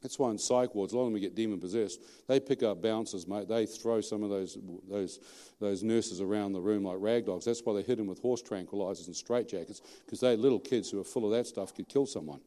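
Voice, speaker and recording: A middle-aged Australian man preaching his testimony in a lively, colloquial storytelling manner, often putting questions to the audience. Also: lowish voice, brisk. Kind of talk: storytelling sermon.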